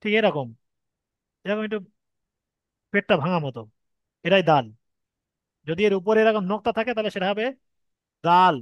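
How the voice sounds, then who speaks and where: This Bengali-accented man gives an online Quran reading lesson, taking learners patiently through Arabic letters step by step and drawing sounds out as examples. He talks at a normal speed with a high voice and long pauses. The recording has no echo, and its highs are cut off.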